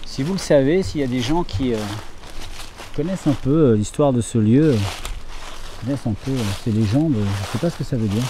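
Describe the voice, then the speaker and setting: A man doing a casual paranormal vlog outdoors in a forest at night, talking hesitantly with frequent filler pauses. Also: mid-range voice, background noise. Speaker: paranormal investigator vlogger.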